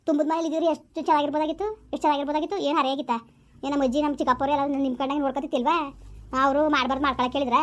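A woman's voice: high-pitched, close to an everyday voice. A woman playing a bitter young woman raising her younger sister, complaining in a resentful rush, in a village family skit. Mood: scornful.

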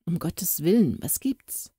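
Woman voicing an earnest, worried gentleman. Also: on the low side, animated, normal speed, no room sound, studio quality. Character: worried gentleman passenger, upright.

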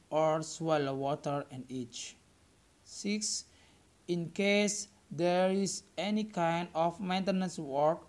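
A young adult man with an Indonesian accent reads a scripted student presentation, halting word by word. His voice is on the high side and a little mellow.

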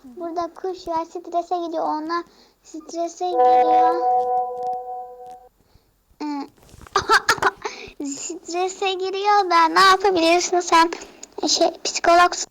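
A young girl chatting hesitantly, with halting starts and fillers. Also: very high-pitched, steady tone, background noise. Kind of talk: casual chat.

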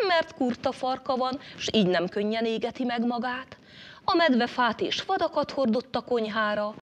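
Female storyteller, animated folk tale narration, slightly high voice. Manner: lively, shifting pitch and loudness with the action.

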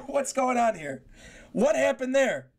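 With trailer music behind him in a small bedroom, a young man streams his excited, talkative reactions to game trailers, frequently repeating phrases. He speaks slowly in a very high, sing-song, creaky voice.

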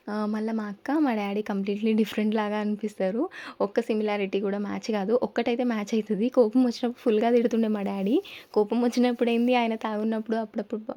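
Young woman narrating a family vlog. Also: a little high. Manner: soft, reflective storytelling, often trailing off with fillers. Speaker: family vlogger. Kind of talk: casual vlog voice-over narration.

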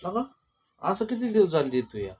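A man's voice: high-pitched, very animated, moderate pace, a little mellow, husky. Chatty village man. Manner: chatty, teasing, rustic Marathi. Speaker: village vlogger. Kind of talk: casual vlog chat. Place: village home outdoors, early morning.

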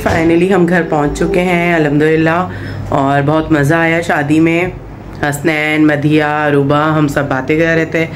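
A woman's voice: deep voice, fairly even intonation, a little slow. A woman in her thirties with a Karachi Urdu accent, talking to her viewers on a phone held at arm's length. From Pakistan. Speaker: family vlogger. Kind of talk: casual vlog narration. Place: crowded wedding hall. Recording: noisy wedding hall with music. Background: loud music and crowd.

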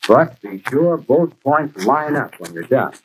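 An American actor playing a brisk garage expert, giving didactic scripted instruction in a 1940s training film. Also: male voice, mid-range voice, very animated. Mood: instructive. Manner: didactic, clearly explanatory. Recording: noisy 1940s film soundtrack.

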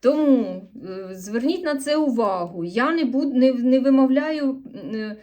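A woman's voice: on the high side, darkish tone. Chatty woman with a Sumy accent. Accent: Sumy eastern Ukrainian. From Sumy region, eastern Ukraine. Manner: chatty, rambling, with frequent self-corrections; earnest and a little defensive when answering comments. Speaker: vlogger. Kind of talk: casual vlog chat to camera.

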